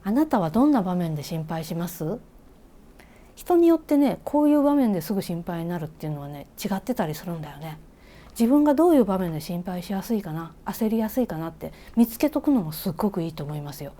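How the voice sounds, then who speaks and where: A woman reiki teacher with a Kansai accent, giving a casual spoken lesson and asking the listener questions, with soft whispered asides. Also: lowish voice, big pitch swings, fast.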